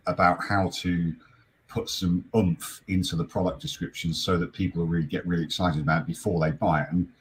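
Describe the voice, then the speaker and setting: An English man hosting a casual panel chat, energetic and jokey. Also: low-pitched, slight background noise. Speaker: host.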